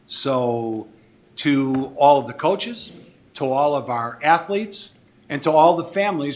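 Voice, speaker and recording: A man in his sixties with an American accent, serving as mayor and presiding over a village board meeting indoors, gives a public recognition speech. Partly reading, he adds informal, folksy asides in a mid-range voice, with slight background noise.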